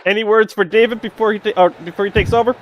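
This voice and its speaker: A man managing his team during a sim race, giving calm, steady instructions over voice chat. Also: sits high, very fast, muffled recording, crowd noise.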